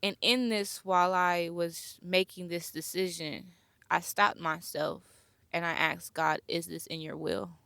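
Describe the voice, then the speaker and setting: A young woman hosting her own podcast, talking slowly and reflectively in a personal, heartfelt monologue and pausing to search for words. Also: on the low side, steady tone, vocal fry, a bit bright, no room sound. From born near Chicago, raised near Atlanta. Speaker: podcast host.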